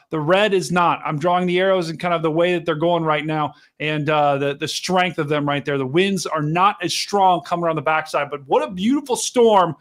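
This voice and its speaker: A man hosting a live weather stream, explaining radar to viewers in a casual but urgent, hyped way. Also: high voice. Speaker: livestream host commentating on storm chase. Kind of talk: live weather commentary to chat.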